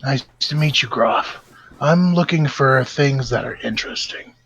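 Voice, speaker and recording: A man's voice: mid-range voice, unhurried, gravelly, fairly bright tone. Laid-back male player, dull audio. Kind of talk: casual tabletop role-play.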